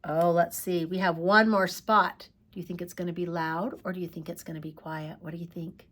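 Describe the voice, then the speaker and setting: A woman teaching preschoolers, talking slowly in a coaxing, sing-song way as she asks questions and praises answers. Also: lowish voice, steady tone, a bit bright. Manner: slow, sing-song, coaxing talk to small children. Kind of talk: children's lesson.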